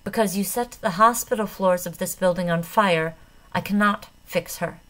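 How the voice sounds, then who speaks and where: A woman voicing a calm, formal female doctor who speaks quietly and precisely. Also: lowish voice, moderate pace, lightly acted. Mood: coolly formal.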